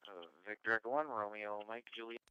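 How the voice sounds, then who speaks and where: A man's voice: fairly low pitch, steady tone, a little fast, clean tone. Folksy male radio net controller, slightly dull audio. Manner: informal, folksy, courteous. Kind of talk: amateur radio net hosting, call signs and check-ins.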